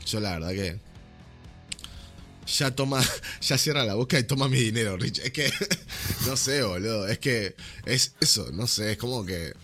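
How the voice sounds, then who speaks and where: A man's voice: fairly low pitch, measured pace, long pauses, bright, forceful tone, soft background music. A young man with a Rioplatense Spanish accent, ranting animatedly in a casual podcast chat, full of slang. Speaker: podcast host.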